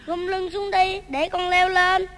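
An actress playing a cheeky, quick-witted little grandson, in a stage comedy sketch. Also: female voice, very high-pitched, flat delivery, long reverb tail, loud music behind the voice. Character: clever cheeky little grandson, young boy.

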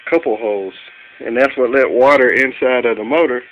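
In a cluttered garage workshop, an amateur car mechanic vlogger shows off engine parts, filming on a handheld phone from behind the camera. He talks casually and plainly in a brisk, mid-range voice. The audio is tinny and phone-like, with an electrical hum.

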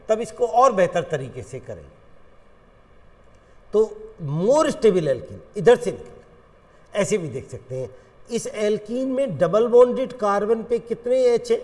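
A male chemistry teacher with an Indian accent explains reactions in a lively, sing-song lecture voice that sits high and swings widely in pitch. His words ring with a long reverb from the room around him. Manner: animated, coaxing, addresses students as friends. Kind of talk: classroom lecture.

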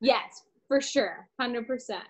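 A woman's voice: on the high side, slow pace, rough recording. A woman asking quiz questions in casual chat, easygoing and chuckling between hints. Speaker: quiz asker on a staff podcast.

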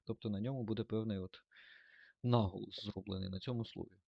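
Low-voiced man explaining German grammar. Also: steady tone, fast, vocal fry, no room sound, dull audio. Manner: thinks aloud, fillers and self-corrections. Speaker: German language teacher.

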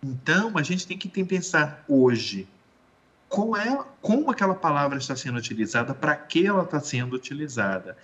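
A man giving a measured, explanatory talk in an educational conversation, often rephrasing himself. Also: a little high, very animated, a bit bright, dull audio. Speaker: guest lecturer.

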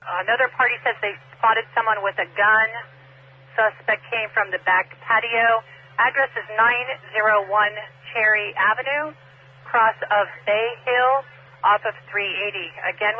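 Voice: mid-range voice, slightly rough. A police dispatcher relaying reports in short, factual phrases over police radio. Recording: tinny, phone-like police radio.

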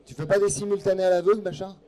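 Event host guy on a handheld mic, upbeat and teasing, kinda high voice. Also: racing. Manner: lively, teasing introductions. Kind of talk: live stage presentation. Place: live chess event.

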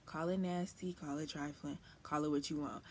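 A woman's voice: sits low, fairly even intonation, normal speed, a little mellow, a little hiss or hum. A woman and new mother vlogging about motherhood in a candid, chatty way, with folksy phrases and emphatic lifts. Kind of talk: personal casual vlog talk.

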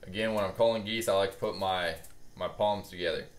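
A young man with a low, steady voice talks fairly quickly, giving a casual, laid-back and reassuring how-to as a hunting-call instructor. He's in a garage full of hunting gear and a boat, picked up by a camera a few meters off. The garage echoes and there's noticeable background noise.

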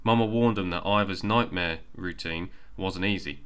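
Deep-voiced man reading a bedtime story. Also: normal speed, a bit bright, clear, resonant tone.

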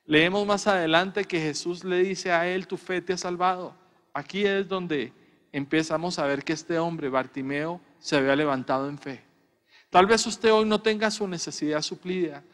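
A man preaches in church with a high, ringing voice. He drives his message home by repeating phrases with rising emphasis. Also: moderate pace, a bit bright, big-room sound. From Colombia. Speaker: pastor. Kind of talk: sermon.

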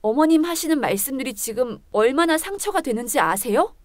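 A woman's voice: sits high, expressive, brisk, a little mellow, dry recording, clean studio sound. A woman playing a firm, hurt pregnant wife. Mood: restrained. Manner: restrained, firm, polite. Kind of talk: dramatized story reading.

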